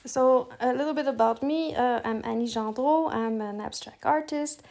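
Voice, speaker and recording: A middle-aged woman from Quebec, Canada, whose first language is French, speaks English with a Quebec French accent in a casual voice-over tutorial. Her voice is on the high side and creaky. As an artist demonstrating her process, she talks calmly and relaxedly but hesitantly, with many pauses, fillers and restarts.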